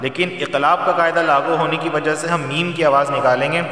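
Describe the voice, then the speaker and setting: A man with a somewhat high, bright, forceful voice, chanting verses slowly and melodically before explaining each recitation rule plainly. He sounds set back from the microphone, in a very echoey space with a long trailing reverb. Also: fairly even intonation. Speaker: Quran teacher. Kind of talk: Quran recitation and tajweed lesson. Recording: roomy echo, long reverb, distant mic.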